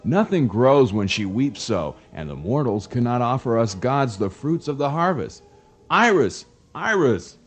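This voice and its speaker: A man's voice: medium pitch, big pitch swings, a little slow, breathy edge, faint music behind, voice pushed down. A man playing a stern mighty king of the gods. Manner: stern, commanding. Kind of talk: storybook radio drama.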